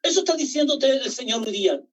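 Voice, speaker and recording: A woman preaching a sermon in a church, reading Scripture aloud with dramatic slowed emphasis on key words. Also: high-pitched, lively intonation. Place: church hall. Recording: distant, dull lo-fi church recording.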